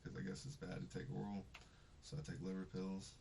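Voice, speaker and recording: A man's voice: low-pitched, monotone, a little fast, creaky, mellow, distant mic, a little hiss or hum. A young adult man, a police officer under questioning, answering hesitantly and repeating himself.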